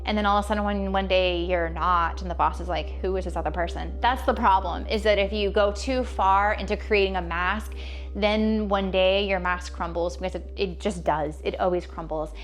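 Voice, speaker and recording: A woman's voice: medium pitch, fairly even intonation, normal speed, soft background music. A woman hosting a self-growth video, talking casually to camera in a chatty, playful, rambling way.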